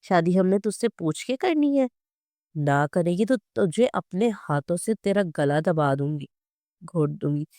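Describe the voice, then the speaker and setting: A storyteller voicing a hot-tempered working-class mother who scolds and threatens her daughter, in a smooth, dry reading. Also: medium pitch, lively intonation, unhurried, a little mellow, no echo. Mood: scolding.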